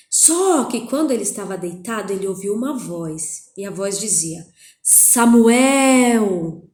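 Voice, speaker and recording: A woman with a Brazilian Portuguese accent tells a Bible story to young children as their Sunday school teacher. She talks in an animated, coaxing way and keeps calling on the kids. Her voice sits fairly high in an echoey room.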